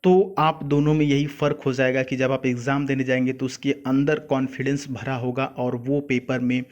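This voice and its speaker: A man's voice: mid-range voice, level tone, normal speed, a little mellow, highs cut off. A young man teaching a vocabulary lesson for exam students, explaining word meanings patiently and repeating key points.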